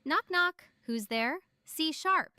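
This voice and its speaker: A woman's synthetic voice playing a cheerful AI chat assistant that reads out playful replies in a smooth, even delivery. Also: high voice, slow, full character voice. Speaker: AI chatbot on a stream.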